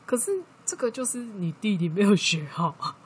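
Taiwanese Mandarin woman, podcast co-host, husky mid-pitched voice, lively storyteller. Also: moderate pace. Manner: lively storytelling, acting out quoted dialogue. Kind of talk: casual chat.

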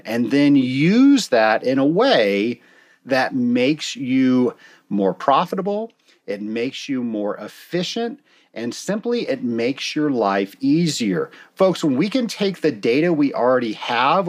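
A man hosting a podcast, introducing his guest and asking questions in an upbeat, enthusiastic way. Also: medium pitch. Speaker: podcast host. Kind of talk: podcast interview.

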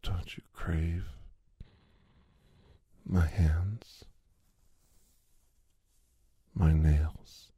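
Slow, dark-voiced man murmuring softly. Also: fairly even intonation, slightly rough, no echo. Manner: slow, soft, lingering delivery with long pauses; drifts between low voice and whisper. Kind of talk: intimate ASMR roleplay.

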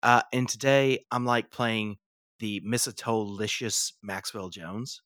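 A somewhat low-pitched man with a bright, dry tone introduces himself at a tabletop game. He hesitates and fills gaps with ums. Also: slow pace, no echo. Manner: hesitant, with many fillers. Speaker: player. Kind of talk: casual chat.

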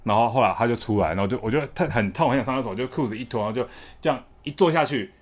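A man tells childhood stories on a casual chat show. He talks quickly and keeps the story moving, with an animated delivery full of laughter. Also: mid-range voice. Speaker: podcast co-host.

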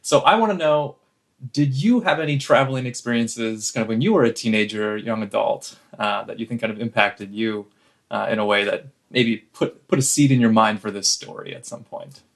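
A man's voice: mid-range voice, moderate pace, fairly bright tone. Man moderating an author panel. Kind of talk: casual panel discussion.

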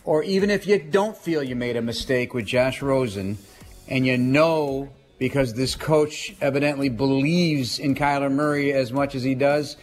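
A man hosting a sports radio show, chatty and wry, recapping the news and reading sponsor notes. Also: medium pitch. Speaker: radio play-by-play host. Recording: broadcast from a remote trip.

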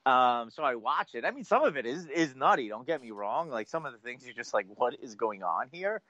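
Animated man on dull lo-fi audio. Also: mid-range voice, brisk, dry recording. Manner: animated, filler-heavy, self-deprecating. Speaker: podcast co-host. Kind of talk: casual chat.

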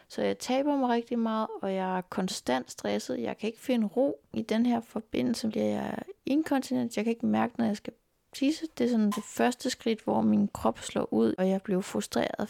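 Young woman, heavy vocal fry, dry close sound, earnest halting storytelling, interview. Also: mid-range voice, a little mellow, no room sound. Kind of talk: personal life story interview. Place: indoors at grandparents' home.

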